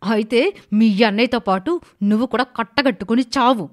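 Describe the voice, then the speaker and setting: A woman's voice: on the high side, normal speed, natural voice. A woman doing a sneering, shrewish village wife. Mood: scornful. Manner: scolding, sneering, harsh. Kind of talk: storybook cartoon voice acting.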